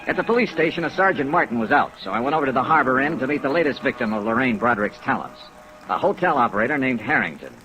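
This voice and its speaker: A man's voice: mid-range voice, sing-song, quick pace, sharp tone, faint music behind. A man acting as a wry, patient insurance investigator in a 1950s radio drama, clipped and dry in his delivery. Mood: dry, matter-of-fact. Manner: clipped, dry, hard-boiled. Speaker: lead actor, narrator. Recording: noisy vintage 1950s radio recording.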